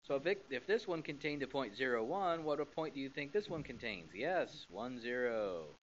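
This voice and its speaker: A male math teacher recording his lecture notes, animated and repeating phrases for emphasis while tired and yawning. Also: mid-range voice, moderate pace, slight background noise. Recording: dull lo-fi classroom recording.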